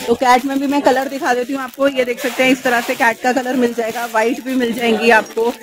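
Chatty high-voiced woman touring a market. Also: flat delivery, brisk. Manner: chatty, asks prices and repeats them to viewers. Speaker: market vlogger. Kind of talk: casual shopping vlog. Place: busy outdoor street market. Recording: loud crowd noise outdoors. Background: market crowd chatter.

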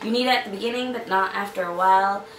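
A woman's voice: mid-range voice, quick pace. A young woman with a slight Boston accent, an author giving chatty, upbeat writing tips with lots of fillers. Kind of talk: casual tutorial talk to camera. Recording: echoey room, mic at a distance.

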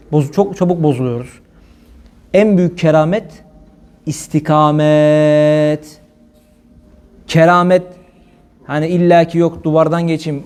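A male preacher from Turkey with a high voice addresses his congregation in a mosque hall. He swings between fervent, raised exhortation and quiet, earnest asides. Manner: fervent, shifts between loud exhortation and low earnest tones. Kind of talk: religious talk to a congregation.

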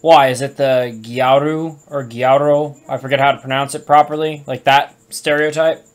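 A woman commentating casually over a video game she is playing, reacting out loud, laughing and swearing freely. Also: rumbling low, steady tone, normal speed. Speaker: let's play gamer.

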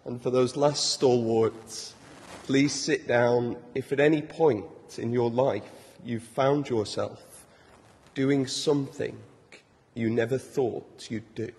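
A man's voice: mid-range voice, steady tone, slow pace, husky. A young man preaching a sermon in a church, conversational and joking. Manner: warm, conversational, self-deprecating humor. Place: large church. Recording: long church reverb.

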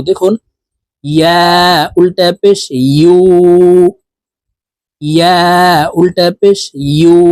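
A man teaching Quran recitation, drawing out each syllable slowly in a spelling drill and explaining rules quickly in between. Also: sits high, a little mellow, no echo, studio quality. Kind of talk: slow spelling drill lesson.

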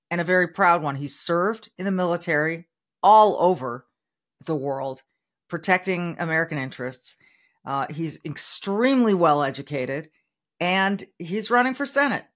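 A middle-aged woman with a fairly low, slightly bright voice hosts an interview podcast from her home office, speaking into a studio microphone on an arm. She introduces her guest in an upbeat, conversational way.

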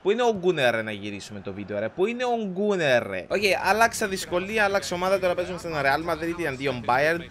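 Excitable young man shouting over gameplay. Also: few pauses. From Cyprus. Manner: excitable, mixes English slang into Greek, swears at the game; bursts into high shouting at goals. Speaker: gaming YouTuber. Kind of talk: live gameplay commentary.

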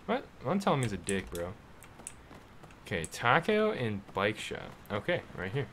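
A man casually commenting while playing a game, excitable and swearing freely, reading the game's dialogue aloud. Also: fairly low pitch, measured pace, a little hiss or hum. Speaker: gaming video host. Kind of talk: casual let's play commentary.

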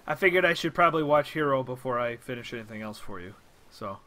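A man's voice: mid-range voice, quick pace, a little hiss or hum. A young man streaming a video game, chatting casually and yelping at surprises. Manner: excitable, yelps at in-game surprises. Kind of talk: casual chat while gaming.

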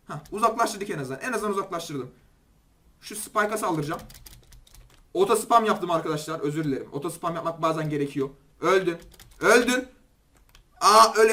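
Young male gaming commentator, Turkish accent, high and rapid, excitable and chatty with viewers. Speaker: gaming YouTuber. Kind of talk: gameplay commentary.

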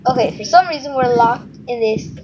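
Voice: medium pitch, fairly quick, lo-fi sound, noisy background. A horror game streamer, scared and jumpy, exclaiming nervously while playing. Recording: loud game music behind voice.

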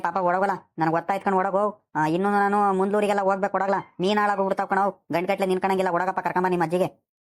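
A woman voicing a rushed, easygoing male fish seller in an animated village comedy. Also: mid-range voice, lightly acted. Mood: hurried. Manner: rushed, pleading, fast-talking.

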